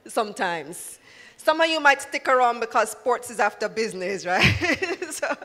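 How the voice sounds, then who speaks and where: A woman's voice: mid-range voice, fairly bright tone. A woman giving a live talk to an audience as a finance journalist, engaging and asking the room questions. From Jamaica. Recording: reverberant hall.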